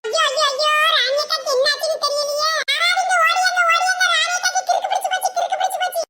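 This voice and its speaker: A performer doing a shrill, excitable cartoon village woman. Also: a little fast. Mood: alarmed gossip. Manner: dramatic, wailing, giggly. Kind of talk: cartoon comedy voice acting. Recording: loud background noise.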